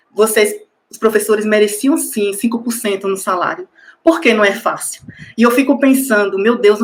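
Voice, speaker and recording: Woman, higher voice, gushing heartfelt thanks, emotional. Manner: effusive, emotional, repeats the listener's name. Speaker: master's student and school coordinator. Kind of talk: heartfelt tribute speech.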